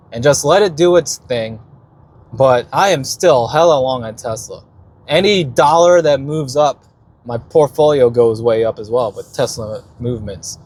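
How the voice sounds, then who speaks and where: A man talking casually and off the cuff as a market commentator, in a brash, slangy, swearing crypto-bro manner. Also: a little high. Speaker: retail investor and stock market video host.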